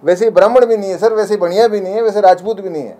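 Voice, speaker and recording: A man with a high, quick voice makes an insistent, conversational appeal at a press conference. His tone stays dark and mellow despite the high pitch. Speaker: community representative at a press conference.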